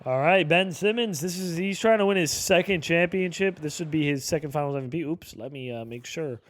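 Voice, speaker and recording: A man in his early twenties giving casual play-by-play commentary over a basketball video game, excitable and breaking into sudden shouts. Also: fairly high pitch, fairly quick. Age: 20s. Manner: excitable, calls plays aloud with sudden shouts. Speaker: gaming YouTuber.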